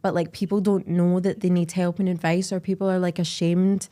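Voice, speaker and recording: A woman's voice: lowish voice, level tone, brisk, mellow. A young adult Scottish woman hosting a podcast in a candid, chatty way, full of "like" fillers. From Scotland. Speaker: podcast host. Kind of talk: casual chat.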